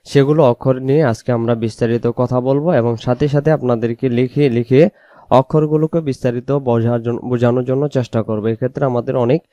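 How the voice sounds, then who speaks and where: A man from Bangladesh, speaking Bengali with a Bangladeshi accent, teaches how to pronounce Arabic letters for Quran recitation, slowly repeating each sound. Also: medium pitch, warm tone, no room sound. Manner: slow, repetitive drilling of letter sounds; sometimes sings out the letters. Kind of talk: spoken tutorial on Arabic letter pronunciation.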